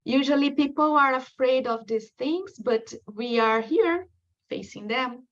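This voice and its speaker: A Brazilian woman, a Portuguese speaker with a strong Brazilian accent, delivers a prepared academic lecture as a guest lecturer. She is careful and measured with frequent ums, and her high-pitched voice is recorded with the highs cut off.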